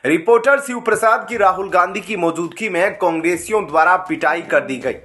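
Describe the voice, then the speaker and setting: A man reading a scripted news voice-over in a steady, formal newsreader manner. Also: high voice, a little fast. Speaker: news narrator.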